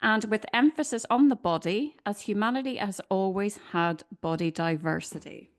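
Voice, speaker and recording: A woman's voice: mid-range voice, expressive, moderate pace. A woman with an Irish accent co-hosting a podcast, upbeat and chatty as she introduces her guest. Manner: upbeat and chatty, reading a bio aloud. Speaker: podcast co-host. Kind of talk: casual interview conversation.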